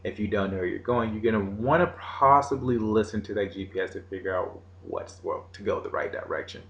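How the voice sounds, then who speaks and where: A man giving an informal meditation lesson in casual, halting, unscripted phrasing. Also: fairly low pitch, highs cut off. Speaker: meditation teacher. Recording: roomy echo, faint background noise.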